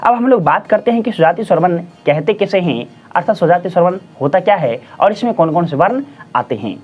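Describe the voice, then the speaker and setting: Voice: mid-range voice, lively intonation, quick pace, husky. A teacher giving a patient grammar lesson, repeating each definition and answering their own questions while addressing listeners as friends and children. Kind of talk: classroom-style grammar lesson. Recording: dull lo-fi audio with faint music.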